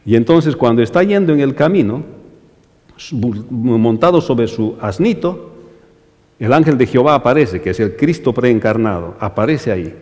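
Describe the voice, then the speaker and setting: In a big-room sound, a male pastor with a darkish tone preaches animatedly at a moderate pace, speaking straight to his brothers in the congregation. He emphatically rises on repeated phrases and drops low to close his lines.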